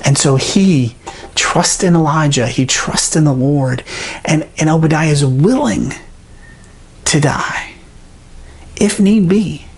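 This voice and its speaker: A preacher giving a sermon, retelling a Bible story in an animated way with pauses. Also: mid-range voice, breathy edge.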